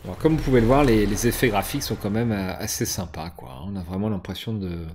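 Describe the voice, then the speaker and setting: A man's voice: fairly low pitch, fast, a little mellow. A man hosting a board game session, casually explaining rules and moves with frequent hesitations and restarts. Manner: hesitant, many fillers and restarts. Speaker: board game channel host.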